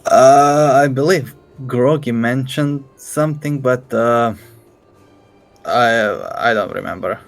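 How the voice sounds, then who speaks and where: A man's voice: medium pitch, takes it slowly, creaky, faint music behind. A man voicing a confident young male arena fighter with a cocky manner.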